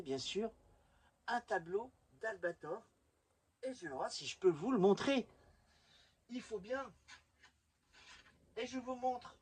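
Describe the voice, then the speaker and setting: High-voiced and enthusiastic, a man hosting a collectors' channel chats casually while rambling through a home video of his collection. The vlog is recorded indoors at home with plenty of noise.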